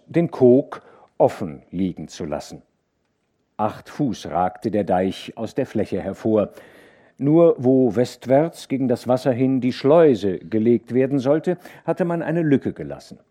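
A man narrating a classic novel as an audiobook, with measured, expressive storytelling. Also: mid-range voice. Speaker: audiobook reader.

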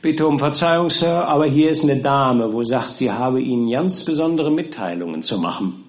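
A man's voice: medium pitch, expressive, moderate pace, natural voice. A man voicing a cheeky young male servant, breezy and teasing, with folksy dialect slips in his speech.

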